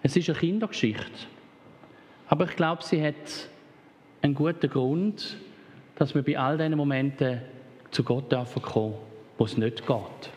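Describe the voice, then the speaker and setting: A man's voice: medium pitch, measured pace, long pauses, a little mellow, a little hiss or hum. A middle-aged man preaching informally to a congregation. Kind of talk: sermon. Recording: reverberant church hall.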